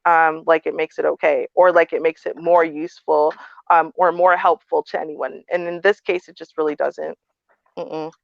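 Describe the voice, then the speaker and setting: A woman's voice: low-pitched, flat delivery, normal speed, gravelly, no echo. A woman talks bluntly and frankly in a casual panel discussion, scattering fillers as she goes. The recording is dry and dull, with little room sound and a muffled top end. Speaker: panel host.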